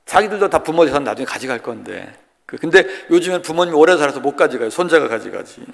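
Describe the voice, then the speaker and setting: An older man in his sixties preaches to his congregation with a lively, swooping delivery and a gravelly edge to his voice. He is a pastor from the Chungcheong region with a folksy, joking manner, and he keeps putting questions to his listeners. His voice rings out with the long reverb of a church hall. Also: a little high, fast talker. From Korea, Chungcheong region. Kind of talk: sermon. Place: church sanctuary.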